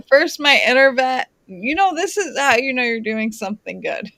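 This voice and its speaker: A woman's voice: high voice, expressive, measured pace, bright, forceful tone, no room sound, poor audio. A woman guest on a video call, speaking passionately and reassuringly, with frequent fillers. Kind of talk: casual video-call interview.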